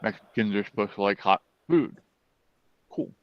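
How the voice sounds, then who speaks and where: Halting man on a dull, dry line. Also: fairly low pitch, lively intonation, dry recording. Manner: halting, many fillers and restarts. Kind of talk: casual chat.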